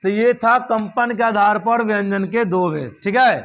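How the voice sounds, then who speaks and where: Teacher, male, high-pitched voice, drills grammar with repeated rhetorical questions. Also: a little slow, a bit bright. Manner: repeats points and asks rhetorical check questions. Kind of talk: classroom grammar lesson.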